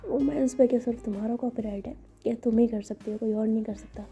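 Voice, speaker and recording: A woman's voice: fairly high pitch, fairly even intonation, fast, dark tone, slightly rough, soft background music. Woman voicing Simran, bossy young woman. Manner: bossy, mock-threatening. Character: pushy young woman, impatient and demanding.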